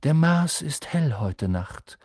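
A man voicing a melancholy, cryptic male centaur in an audiobook, speaking slowly and solemnly. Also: medium pitch, lively intonation, dark tone, dry recording, studio quality. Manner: slow, solemn, evasive. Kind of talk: audiobook character voice.

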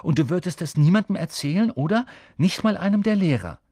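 An eager young schoolboy, as a man reads him in an audiobook, his voice a little raised and keen. He asks his questions with lively, lifting intonation in a dry recording. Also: high voice, fairly quick, slightly rough, no room sound, voice pushed up.

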